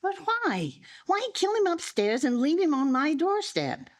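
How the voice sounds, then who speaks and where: A woman's voice: sits high, sing-song, measured pace. A woman playing a blunt, indignant and easily flustered American murder suspect in a live audio drama. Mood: exasperated. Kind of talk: live radio-style audio drama acting. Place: live stage performance in a public library.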